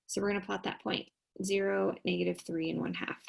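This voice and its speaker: Tired math teacher lady, super gravelly and husky, walks you through each step. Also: medium pitch, level tone, a little fast, low-quality recording. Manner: talks students through each step, asking and answering her own questions. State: tired, yawning. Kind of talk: recorded classroom lesson.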